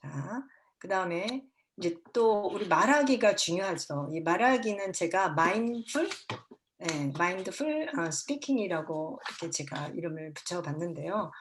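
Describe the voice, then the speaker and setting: A woman's voice: fairly low pitch, expressive, normal speed, slight background noise. A middle-aged woman counselor lecturing parents, acting out parents and children in quoted lines and mixing English words into her talk.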